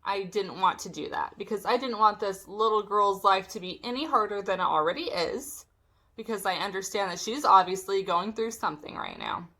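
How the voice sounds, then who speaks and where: A young woman vlogger telling a storytime, animated and swearing as she acts out what people said. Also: medium pitch, moderate pace. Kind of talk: storytime vlog.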